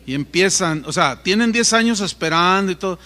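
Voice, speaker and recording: A pastor preaching in a church hall, telling a story with lively asides to his listeners. His voice is high and bright. A long hall reverb trails behind his words. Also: a little fast. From Mexico. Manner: animated storytelling, asides to the congregation. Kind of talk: sermon.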